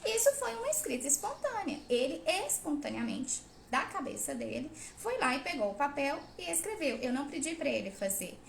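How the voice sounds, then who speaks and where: A woman's voice: high voice, sing-song, normal speed, gravelly, hardly any pauses, a little hiss or hum. A woman who is a parent hosts a live Q&A about literacy, talking bluntly and emphatically, scolding and acting out the people she quotes. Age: adult parent. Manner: acts out quoted voices. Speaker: host of a parenting and literacy channel. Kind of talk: live Q&A talk. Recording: roomy echo with faint ambience.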